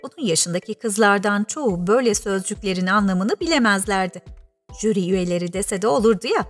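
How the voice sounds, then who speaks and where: A woman narrating an audiobook in a measured storytelling manner. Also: medium pitch, expressive, faint music behind. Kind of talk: scripted narration.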